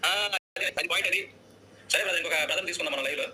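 A man co-hosting a live online debate, quick to agree and to dismiss the other side. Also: sits high, very noisy. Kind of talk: live-stream discussion.

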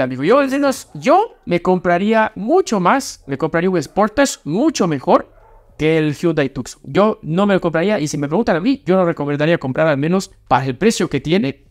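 A young man, hosting a casual car review chat, emphatic and opinionated, often restarting his sentences. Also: high voice. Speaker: car channel host. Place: small studio set with brick wall. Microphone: desk microphone.

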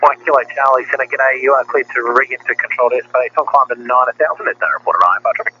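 A man's voice: mid-range voice, rapid-fire, sharp tone. A man working as an air traffic controller, giving clipped radio instructions. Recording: dull radio transmission with noise.

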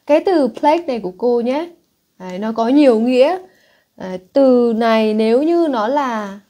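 A woman with a Northern Vietnamese accent teaches an English exam-prep lesson in a warm, mellow voice set a touch high. She says English words aloud and then explains them. She checks with her students again and again. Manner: checks in with students constantly, asking if they follow.

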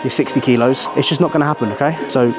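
A man's voice: mid-range voice, quick pace. A British man in his thirties chatting casually and bluntly in a gym, coaching and motivating with plenty of swearing. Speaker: fitness vlogger and coach. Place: indoor gym. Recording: music playing behind speech.

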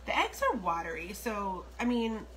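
With a mid-range, sing-song voice and a fairly bright tone, a middle-aged American home cook chats and rambles a little for her online viewers as she cooks. The livestream is relaxed, her asides unhurried while her hands stay busy. A phone propped nearby records it all over the noise of a sizzling pan and stirring in her kitchen.

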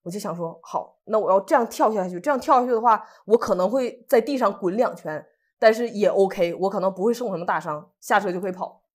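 A woman co-host from Northeast China tells a personal story in casual chat, animatedly acting out what people said. She talks fast in a mid-range voice.

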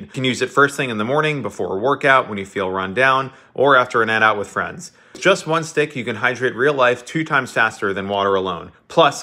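A man's voice: medium pitch, bright, forceful tone. A man hosting a podcast, reading a sponsor ad in an upbeat, enthusiastic way. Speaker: podcast host. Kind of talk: ad read.

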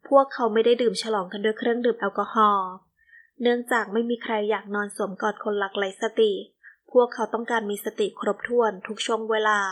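A woman narrating a romance audio novel in a steady storytelling manner. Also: fairly high pitch.

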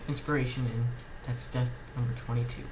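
A man with a medium, level-toned voice hosts a gaming channel, giving casual commentary while a little sick. He mutters partly to himself in stop-start bursts, and the homemade audio has noticeable background noise.

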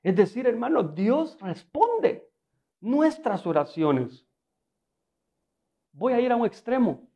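A man's voice: extremely high pitch, very animated, slow pace, long pauses, dull audio. A male pastor preaching a sermon in a conversational, storytelling way, often asking his listeners rhetorical questions and adding humor.

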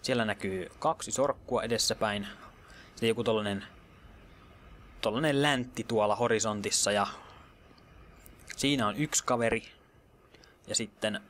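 A man's voice: fairly low pitch, fairly bright tone, a little hiss or hum. A man giving casual let's play commentary, chatty and muttering, sometimes dropping to a whisper in tense moments and mixing in English gaming slang.

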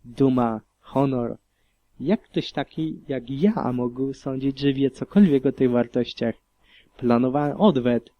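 A man's voice: medium pitch, slow, no room sound, lo-fi sound. A man reading a fanfiction audiobook as first-person narration in a somber, reflective way. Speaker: audiobook reader.

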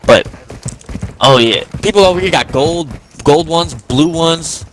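A man in his twenties chats casually while gaming, telling long, rambling stories full of heavy slang. His voice is on the high side, a little slow and a bit bright. Game sounds and gunfire come through behind the mic, along with a little hiss or hum.

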